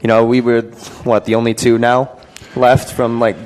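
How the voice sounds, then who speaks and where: A young man, a college soccer player, answering interview questions in a relaxed, easygoing way. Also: medium pitch, moderate pace, a little hiss or hum. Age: young adult.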